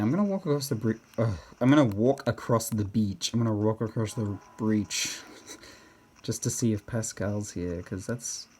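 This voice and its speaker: A man's voice: fairly low pitch, vocal fry, a little mellow, a little hiss or hum. A man giving casual, rambling game commentary, thinking aloud and often questioning himself in a hesitant way. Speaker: gamer narrating own gameplay.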